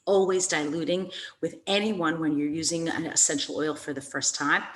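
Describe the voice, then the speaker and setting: A woman's voice: low-pitched, fairly even intonation, normal speed, a bit bright. A middle-aged woman giving an informal, chatty live online class from a stairwell in a house, speaking directly to her viewers as a presenter.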